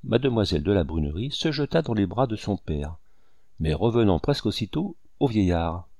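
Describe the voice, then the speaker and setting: A man narrating an audiobook in a dramatic, measured storytelling manner. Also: fairly low pitch, big pitch swings, dark tone, dry recording, clean studio sound. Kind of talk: scripted narration.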